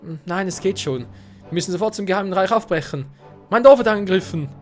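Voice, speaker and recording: A man's voice: sits high, animated, a little fast, soft background music, voice pushed up. A man voicing an earnest young man, a wounded pegasus rider, reading game dialogue aloud in a let's play. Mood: urgent.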